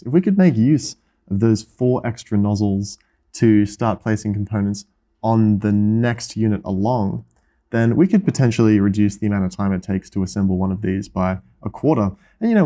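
Young man, Australian accent, warm low voice, eager workshop explainer, close mic. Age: young adult. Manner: enthusiastic, explanatory, counting things out. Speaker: host. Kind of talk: casual electronics factory vlog. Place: workshop, indoors.

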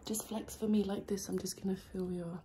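A woman in her twenties doing an ASMR role-play as a medical attendant, close to the mic, giving brisk, bossy, clipped instructions. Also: medium pitch, fairly even intonation, noisy background. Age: 20s. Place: small room indoors by an open window. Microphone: close to the mic, leaning over the camera.

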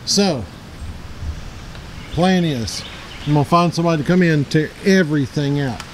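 A man in his forties hosting an outdoors channel, from Middle Tennessee, casually vlogs a backyard walkthrough on a handheld camera outdoors. He rambles plainly and corrects himself in a slightly high voice at a moderate pace. The low-quality recording carries a little hiss or hum.

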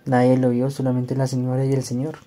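A man speaks, a doctor recounting his hospital experiences. His voice is deep-toned and very dark, held in a narrow, level pitch. Faint music plays behind him. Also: monotone, quick pace. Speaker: doctor, guest. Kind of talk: recounting personal hospital stories.

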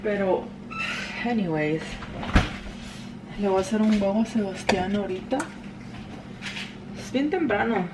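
A woman vlogger chats casually while cooking in her home kitchen, switching languages a lot and mixing English fillers into her Spanish as pans clank in the noisy background. Her voice is medium-pitched, and she talks unhurriedly with frequent pauses.

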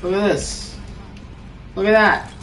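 A man's voice: high-pitched, little pitch movement, takes it slowly, a bit bright. A man giving joking, playful commentary on a game, calling out what he finds. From New York. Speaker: gaming host. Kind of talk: casual gameplay commentary. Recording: echoey room, mic at a distance, faint noise.

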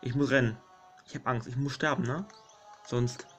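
A young man giving casual commentary over a platform game, fretting aloud, pleading, and yelling at enemies. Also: medium pitch, normal speed. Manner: excitable, frets and shouts at enemies. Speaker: gaming YouTuber. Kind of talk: casual let's play commentary. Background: game music.

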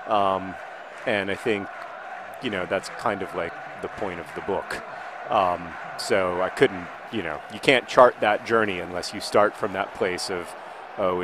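A gaming video host in his thirties, with a voice on the low side, comments over a football video game in a loose, rambling way, restarting sentences and trailing off. Now and then he bursts into loud, excited play-by-play shouting, and faint noise sits under the recording.

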